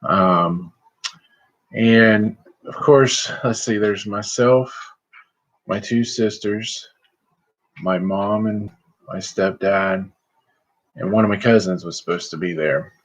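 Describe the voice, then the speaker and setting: A middle-aged man chatting casually and folksily on a livestream, rambling along with hesitant pauses. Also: on the low side, husky. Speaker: host of a livestream vlog. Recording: slightly muffled, lo-fi livestream audio.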